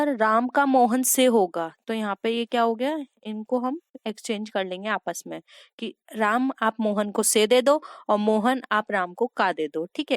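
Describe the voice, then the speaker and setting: A woman teaching grammar for an entrance exam in a chatty way. She reads each sentence slowly and then explains it, and keeps calling her viewers "friends". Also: a little high, no echo, studio quality. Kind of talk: exam-prep lesson.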